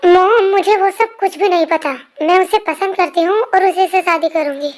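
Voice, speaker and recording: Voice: very high voice, normal speed. A performer voicing a headstrong twenty-year-old girl who pleads and refuses to back down, in an amateur fan dub voice-over. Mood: stubborn. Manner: pleading, stubborn.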